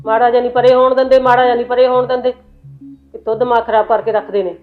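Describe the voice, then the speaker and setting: A woman's voice: fairly high pitch, flat delivery, fast talker, phone-quality sound, soft background music, close to an everyday voice. An actress playing a domineering middle-aged mother-in-law who scolds her daughter-in-law in a family drama. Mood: scolding. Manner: scolding, sharp, bossy. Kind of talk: short film drama.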